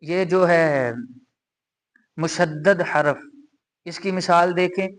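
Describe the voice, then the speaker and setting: A man with a Pakistani Urdu accent teaching a Quran reading lesson, patiently repeating each rule and reciting examples slowly. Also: high voice, steady tone. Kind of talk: slow explanatory lesson.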